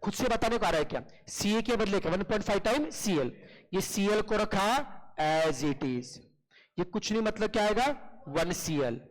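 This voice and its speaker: On a rough recording, a man with a high, animated voice teaches an online accountancy class. Calling his students "beta," he shoots quick questions at them and answers each one himself.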